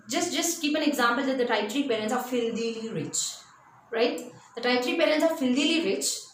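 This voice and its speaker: A woman with an Indian accent giving an animated motivational talk, emphatic and repeating phrases for effect as she tells stories. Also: fairly high pitch. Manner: switches between English and Hindi. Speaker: speaker at a parents' seminar. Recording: very echoey room with faint background noise.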